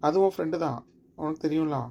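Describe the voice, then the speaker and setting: A man's voice: fairly high pitch, fast, gravelly, warm tone, lo-fi sound, slight background noise. A man playing a young village lover who coaxes and pleads insistently with his crying partner in a family drama. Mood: pleading.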